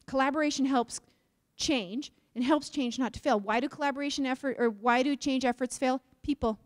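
Speaking briskly in a high voice, a Utah woman addresses a conference crowd, firing questions at them and joking along the way. The sound is studio quality, with no echo.

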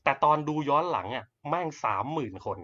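A man giving a blunt, casual live-stream sales pitch, talking offhand and crude. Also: animated, fairly quick, fairly bright tone, muffled recording. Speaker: network marketing presenter.

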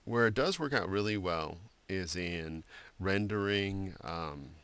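A man giving a screen-recorded software drawing tutorial, talking loosely with many fillers and restarts. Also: low-pitched, animated, slow pace, smooth. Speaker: art instructor.

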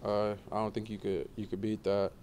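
A young man in his twenties, a college football player, answering questions in a relaxed postgame press interview, with many fillers. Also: on the low side, normal speed, a little hiss or hum. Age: 20s. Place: indoor media room before a banner.

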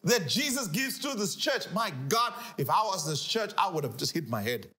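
A middle-aged man, a pastor, teaching scripture on a talk show in an animated, emphatic way, repeating key phrases. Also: sits high, moderate pace. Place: living-room studio set, indoors.

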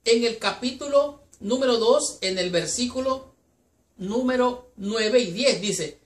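A woman teaching a Sabbath school Bible lesson in an earnest, unhurried way, reading scripture aloud between her explanations. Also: a little high. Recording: echoey room.

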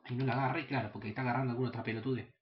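A young man with a Rioplatense Spanish accent giving casual, excitable, profanity-laden commentary while playing a video game, sometimes breaking into high yelps. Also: racing, dull audio, a little hiss or hum. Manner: excitable, swears often, jumps into high yelps. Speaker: gaming channel host. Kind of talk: casual let's play commentary.

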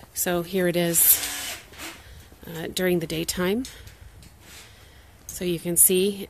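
A woman with a lowish voice walks through a home project on video, filming with her own phone in an open garage and out on the driveway. She talks casually, full of ums and restarts. A bit of hiss or hum is audible.

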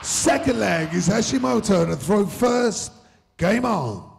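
A man working as a darts score caller, announcing match scores in a drawn-out, projected delivery. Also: high voice, lively intonation, gravelly, darkish tone, a little hiss or hum. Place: indoor tournament hall with seated audience.

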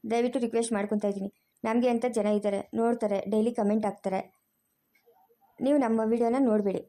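A woman's voice: fairly high pitch, fairly even intonation, fast, warm tone. A woman who makes a cartoon channel, speaking straight to her viewers and earnestly pleading with them. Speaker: channel creator. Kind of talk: direct address to viewers.

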